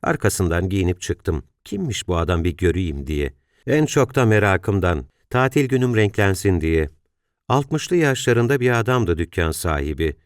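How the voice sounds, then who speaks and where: A male audiobook narrator tells the story in a calm, measured way. His voice is very low and deep. The recording is dry and close, with no echo.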